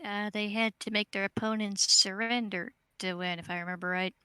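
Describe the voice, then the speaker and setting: A woman's voice: medium pitch, steady tone, brisk, pushed and bright, clean tone. A woman playing in an online quiz game on a voice call, hesitant and often starting with filler sounds. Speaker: quiz contestant. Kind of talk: casual chat on a voice call.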